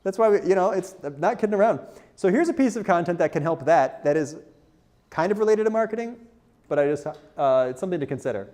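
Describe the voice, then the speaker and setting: A man with a high, expressive, dark-toned voice speaks fast as a conference presenter. He's a content marketer with an informal, candid, self-deprecating manner who keeps asking his audience questions.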